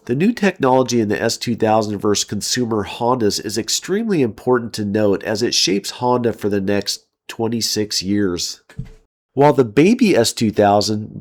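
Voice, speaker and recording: A middle-aged American man giving a scripted, enthusiastic and opinionated narration as a car channel host. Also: lowish voice. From United States.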